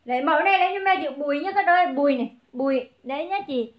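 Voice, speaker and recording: A woman selling clothes on a livestream, briskly calling out prices and greeting viewers by name. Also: sits high, echoey room, lo-fi sound. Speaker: online clothing seller. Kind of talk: livestream sales pitch.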